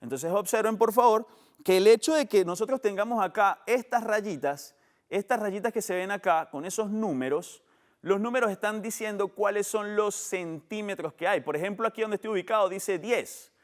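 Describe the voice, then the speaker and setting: A man's voice: sits high, moderate pace. A man teaching a math lesson on an educational TV program, with a Colombian Spanish accent, explaining step by step and showing things as he goes. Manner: animated, explains step by step with demonstrations.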